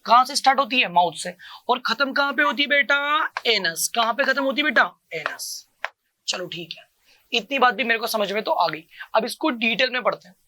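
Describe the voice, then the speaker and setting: A male coaching teacher giving a lecture. He asks each question, answers it himself in a lower voice, and repeats every term to drill it. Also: lively intonation, normal speed, sharp tone. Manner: keeps calling the listener "beta" and repeats each term. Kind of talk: classroom lecture with call-and-response drilling.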